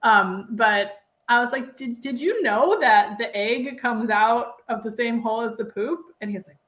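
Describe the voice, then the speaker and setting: A woman's voice: on the high side, measured pace, fairly bright tone. A woman in her thirties hosting a podcast, chatting casually with lots of "like" fillers. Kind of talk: casual chat.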